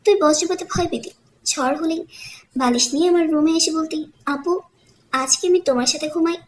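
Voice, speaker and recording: A woman's voice: high-pitched, normal speed, natural voice. A woman voicing a proud young wife who scolds her family in cutting, bitter tones, in a romantic audiobook.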